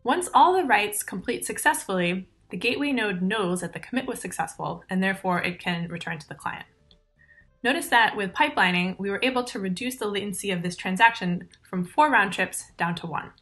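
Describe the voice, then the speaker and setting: A woman in her thirties giving a recorded conference talk over slides, explaining technical steps clearly and methodically into a laptop mic. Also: mid-range voice, animated, fairly quick, fairly bright tone, soft background music. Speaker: conference presenter.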